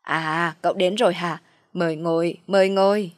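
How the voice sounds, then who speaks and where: Woman voicing a scheming mother, loud, theatrical wailing, storybook reading. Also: on the low side, steady tone, normal speed, no room sound, studio quality, natural voice. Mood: welcoming. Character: shrill scheming middle-aged mother, loud and dramatic.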